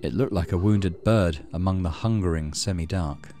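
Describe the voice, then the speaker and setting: Reading a horror visual novel aloud at a moderate pace, a gaming channel host uses a low, warm voice for dramatic storytelling and muttered asides. Faint music sits behind this let's play.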